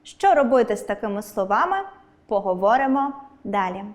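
A woman teacher giving a scripted online lesson, speaking clearly and stressing each example word. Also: mid-range voice, lively intonation, brisk. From Ukraine.

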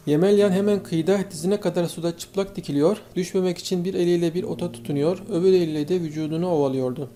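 Mellow-voiced male audiobook narrator. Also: fairly high pitch. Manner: steady storytelling. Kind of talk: scripted narration. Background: faint guitar music.

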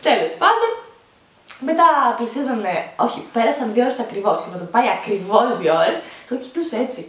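A young woman vlogger telling the story of her childbirth, animated and laughing often as she talks. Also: on the high side. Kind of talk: storytime vlog, recounting childbirth. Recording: echoey room, voice from a distance.

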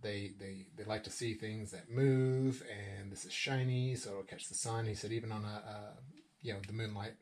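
A man's voice: on the low side, fairly even intonation, moderate pace, darkish tone. A man with an Upper Midwest accent rambling in a folksy, self-deprecating way while vlogging outdoors in snowy woods. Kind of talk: casual outdoor vlog.

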